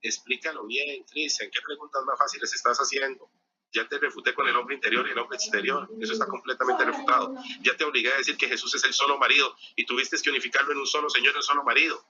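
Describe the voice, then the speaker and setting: A man's voice: medium pitch, steady tone, fast, dull audio, background noise. A man arguing in a heated online religious debate, combative and firing rhetorical questions at his opponent over a video call.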